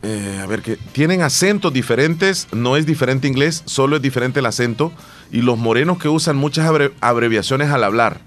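A man from El Salvador co-hosts a relaxed talk show. He rambles and circles back, often repeating a word before he finishes his thought. Faint music plays behind him. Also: mid-range voice, moderate pace. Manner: rambling, repeats words and restarts. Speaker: podcast co-host. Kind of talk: casual radio-style chat.

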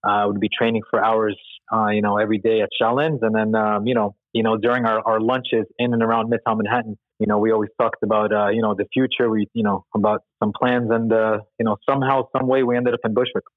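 A man's voice: fairly low pitch, level tone, quick pace, dry recording. A man from Ukraine, a guest talking casually and chattily, leaning on "you know" fillers. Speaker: guest, jiu-jitsu instructor. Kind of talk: casual interview talk. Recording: tinny phone-like line.

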